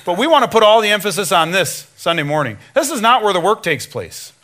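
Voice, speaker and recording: High bright-voiced man preaching casually. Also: big pitch swings, brisk. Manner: conversational, many "you know" and "right?" asides; acts out quoted lines in shifting voices. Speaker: substitute pastor. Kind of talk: sermon. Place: church.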